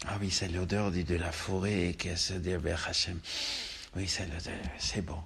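Man as a gentle old blind father, low, quiet and gravelly, for a storytelling lesson. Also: flat delivery, exaggerated voice. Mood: tender. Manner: soft slow murmur.

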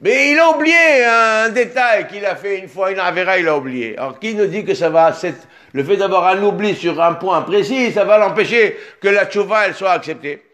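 A man teaching an animated Torah lesson, reading Hebrew sources and explaining them with emphatic bursts. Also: sits high, normal speed.

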